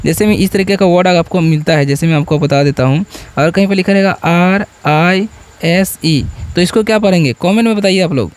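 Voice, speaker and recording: High-voiced man teaching English phonics. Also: brisk, clean tone. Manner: asks questions and answers them himself; spells words letter by letter. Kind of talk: beginner English lesson in Hindi.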